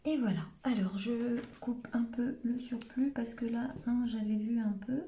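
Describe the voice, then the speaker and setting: Speaking with a Hauts-de-France accent from northern France, a woman narrates her live crafting demo step by step in a chatty way, sprinkling in "hop" and "voilà" often. Her voice is a little high, steady, mellow and a touch slow. There's a roomy echo and a faint hiss or hum.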